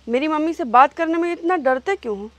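A woman's voice: sits high, lively intonation, brisk, noisy background. A woman playing a wife in a comedy sketch, insistent and taunting toward her husband. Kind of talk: scripted comedy sketch acting.

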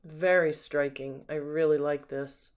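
Speaking a little slowly in a steady, clean mid-range voice, a home sales agent narrates an informal, unscripted tour of an empty house's rooms. The handheld camera follows as each feature is praised and described one by one.

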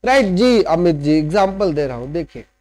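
A man's voice: on the high side, big pitch swings, moderate pace, darkish tone. A man teaching a lecture on poetic meter, repeating each point, checking understanding with "right?" and dictating English definitions word by word. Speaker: literature teacher.

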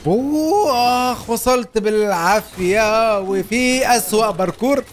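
A young man with an Egyptian Arabic accent, hosting a gameplay video in a fast, laughing banter. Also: high-pitched, slight background noise. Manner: animated, laughing, quick banter. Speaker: gaming YouTuber. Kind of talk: excited gameplay chat.

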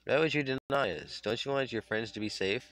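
A man reading aloud the lines of a scheming male villain from a video game, delivered in a flat, cold, demanding way. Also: mid-range voice, brisk, natural voice.

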